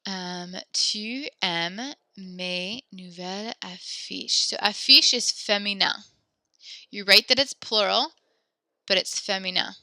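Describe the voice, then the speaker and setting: Medium in pitch, slow in pace, and pushed and bright in tone, this young woman teaches French online from close to a headset or desk mic. No room sound is audible, and she is slightly breathless. She stays patient and encouraging, explaining one step at a time.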